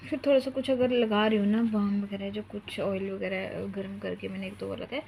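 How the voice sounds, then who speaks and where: A young woman chats at home in a rambling, casual vlog voice. Her tone has a gravelly fry at its edges. Faint background noise sits under her talk. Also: mid-range voice, flat delivery, fairly quick, a little mellow. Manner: chatty, rambling, breaks off to coax her toddler. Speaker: mom vlogger.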